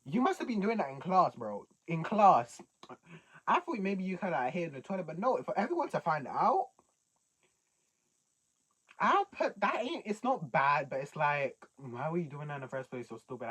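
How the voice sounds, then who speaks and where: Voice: medium pitch, big pitch swings, normal speed, a bit bright, breathy edge. A young British adult chatting casually as a video host, reacting to confessions with slangy, incredulous rhetorical questions.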